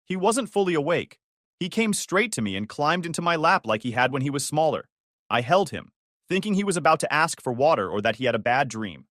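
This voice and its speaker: Animated man narrating a story. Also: mid-range voice, no echo, clean studio sound. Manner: calm, measured telling with voiced quotes. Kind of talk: first-person story narration.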